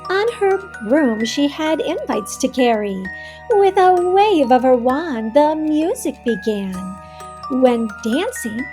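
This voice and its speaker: Reading a children's storybook aloud as the host, a high-pitched woman addresses young listeners directly, lively and teaching as she goes.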